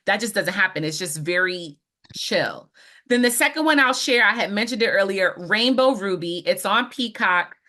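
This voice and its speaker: Animated young woman co-hosting a podcast. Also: mid-range voice, moderate pace. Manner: animated and emphatic, with playful asides. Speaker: podcast co-host. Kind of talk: casual chat.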